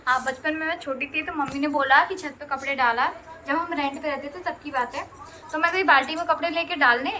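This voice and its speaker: A woman's voice: high voice, sharp tone, a little hiss or hum. A young woman chatting casually in her vlog, teasing and laughing often, recorded on a phone. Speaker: vlogger.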